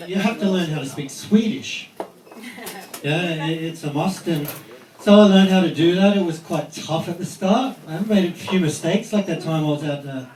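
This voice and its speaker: Australian man doing stand-up, high voice. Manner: chatty, self-deprecating, acts out characters. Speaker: stand-up comedian. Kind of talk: stand-up comedy set. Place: comedy club stage with audience. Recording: echoey club, distant mic, crowd laughter.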